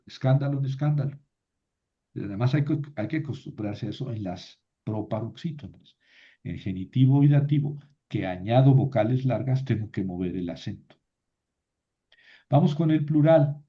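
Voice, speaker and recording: A man's voice: lowish voice, expressive, normal speed, warm tone. Male teacher lecturing, lo-fi sound. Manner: patient, repeats declension forms aloud, asks rhetorical questions. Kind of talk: classroom lecture.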